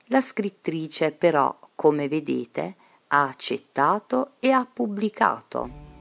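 Slow, low-voiced woman storyteller. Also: big pitch swings, vocal fry, highs cut off. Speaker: narrator. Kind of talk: storytelling reading.

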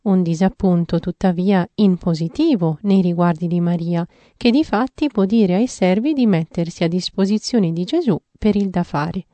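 A woman giving a measured, earnest reading of a devotional theological text. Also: on the low side, dark tone, no room sound.

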